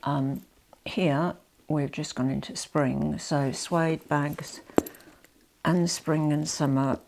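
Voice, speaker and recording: This vlogger's voice sits low and creaky, with a steady tone and a slow pace, and there's slight background noise. She's walking through her handbag collection while stuffed up with a head cold, sounding nasal and rambling through frequent "you know" asides before falling into soft near-whispers.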